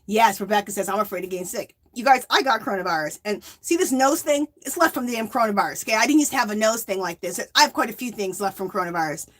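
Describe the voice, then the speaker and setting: Speaking fast with few pauses, a woman with an expressive, medium-pitched, slightly bright voice hosts a yarn crafting livestream. She chats casually with live viewers, reads their comments aloud, laughs often, and emphatically tags her lines with "okay?" and "Hello?".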